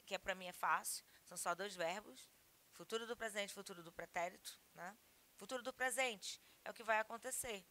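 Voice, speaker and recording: A woman's voice: medium pitch, pushed and bright. A woman with a Brazilian Portuguese accent teaching a grammar lesson, explaining patiently and asking and answering her own questions. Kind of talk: grammar lesson, correcting exercises.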